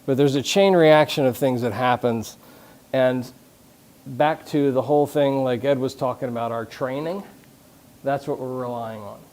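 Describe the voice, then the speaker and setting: A man gives a loose, conversational talk to a live audience at a company conference. He jokes, restarts his sentences and throws questions at the room. His voice sits in a plain middle pitch. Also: steady tone, normal speed, darkish tone. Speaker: conference speaker on leadership.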